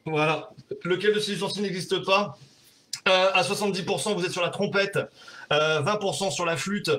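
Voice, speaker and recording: A man hosts a casual home livestream, still out of breath and excitable after a stunt. His voice sits a little high, and he talks in quick, chatty bursts with the odd curse. He is picked up by a webcam mic in a room at home. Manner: breathless, excitable, swearing and laughing. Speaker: livestream host.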